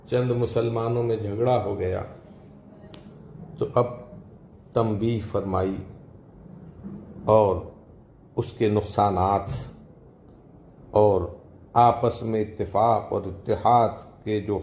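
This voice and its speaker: Slow gravelly guy giving a sermon, dark voice, echoey room with faint ambience. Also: mid-range voice, a little hiss or hum. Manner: measured, emphatic, rising on key words. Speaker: Islamic preacher.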